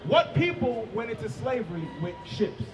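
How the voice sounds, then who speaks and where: A man preaching outdoors on a city street, quizzing a passerby and often shouting and repeating his points. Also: high-pitched, big pitch swings, normal speed, roomy sound, far from the mic, noisy background.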